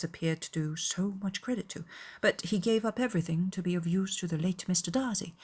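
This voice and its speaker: A woman's rather low, slightly rough voice portrays a wronged young gentleman in an audiobook drama. He confides and defends himself, and she keeps the reading earnest, formal and measured.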